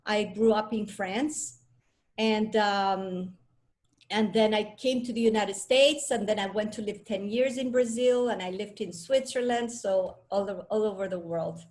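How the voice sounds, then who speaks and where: A woman's voice: medium pitch, fairly even intonation, measured pace, a little mellow. A woman in her fifties from Venezuela, a coach giving a chatty, self-assured talk to a live audience. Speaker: speaker and coach.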